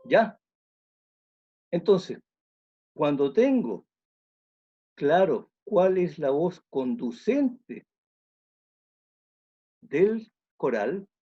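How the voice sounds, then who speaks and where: A man's voice: on the high side, big pitch swings, extremely slow, long pauses, dark tone, husky, dull audio. A man, an orchestra conductor giving an online music talk, explaining thoughtfully and repeating phrases as he thinks.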